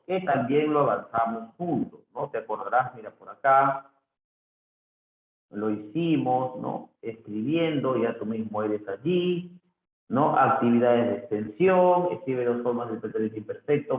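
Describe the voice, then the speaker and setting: A man teaching a grammar review lesson, slowly reading answers aloud and repeating them for the student. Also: mid-range voice, lively intonation. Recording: echoey, phone-like lo-fi audio.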